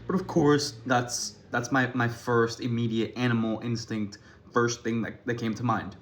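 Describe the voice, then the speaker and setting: A young man speaks casually to his camera, thinking out loud and often restarting his sentences. His voice sits at an ordinary middle pitch for a man. He hedges and pokes fun at himself as he goes. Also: steady tone, normal speed, a little hiss or hum. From Ecuador. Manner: rambling, self-deprecating, many restarts and fillers. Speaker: vlogger.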